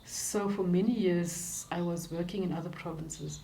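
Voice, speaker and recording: An older woman with a South African accent, speaking in a halting, reflective way as she recounts her life and work in an interview. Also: lowish voice, steady tone, vocal fry, dark tone, a little hiss or hum, poor audio.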